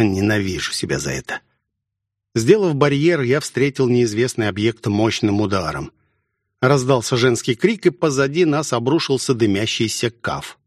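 A man's voice: mid-range voice, no echo. Guy narrating an audiobook, wry and inward, dry close sound. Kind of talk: first-person audiobook narration.

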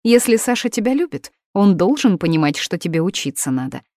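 A woman's voice: lowish voice, very animated, brisk, darkish tone, no echo, studio quality, pitched above the performer's own voice. A woman voicing a reproachful stern mother. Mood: persuasive. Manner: reproachful, indignant.

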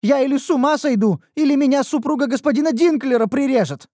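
A narrator voicing an excitable young female red elf, a smith's apprentice, who complains loudly and dramatically in an audiobook. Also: normal speed, dry recording, clean studio sound, close to an everyday voice. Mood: whiny. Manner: whiny and dramatic, loud high outbursts. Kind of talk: audiobook character voice.

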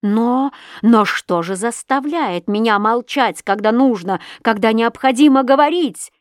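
A woman's voice: mid-range voice, a little slow, no echo, clean studio sound, natural voice. A woman voicing a furious accusing husband. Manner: shouting, sharp and accusing. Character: jealous stern husband accusing a young girl. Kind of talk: audiobook reading of a classic novel.

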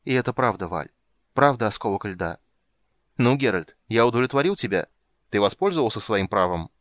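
A man voicing a proud, jealous male sorcerer in an audiobook, speaking loudly and bitterly, his voice straining with anger. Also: fairly low pitch, normal speed, dry recording, clean studio sound, lightly acted. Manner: loud, shouting, voice cracking with anger. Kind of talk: audiobook character voice.

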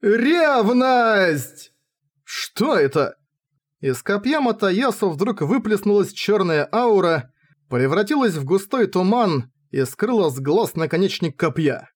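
Male audiobook reader, high-pitched, very animated delivery, wry tone. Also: a little slow. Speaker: audiobook narrator. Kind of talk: first-person novel narration.

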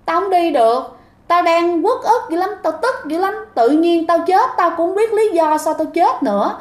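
A woman voicing the aggrieved ghost of a young man who died suddenly, speaking in a low pleading voice in a spoken ghost story. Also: animated, normal speed. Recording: echoey room.

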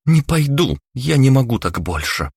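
A man's voice: fairly low pitch, very animated, normal speed, dry recording, studio quality, voice pushed up. A man reading an audiobook voices a rebellious young noble daughter who talks back defiantly. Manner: defiant, emphatic.

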